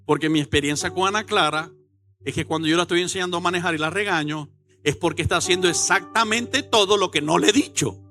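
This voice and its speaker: A middle-aged man with a Venezuelan accent delivers a Sunday sermon in church, his voice high-pitched and bright. He tells stories with animated, acted-out quotes. Faint music sits behind him. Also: quick pace. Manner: animated storytelling, acts out shouted quotes. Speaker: pastor.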